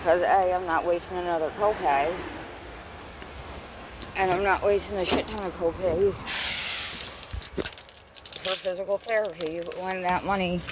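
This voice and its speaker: A woman talks very slowly in a casual, venting monologue. Her delivery is halting, circling back on itself with informal, sweary language. A clear, vehicle-like noise runs behind her voice. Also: on the low side, steady tone. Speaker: vlogger.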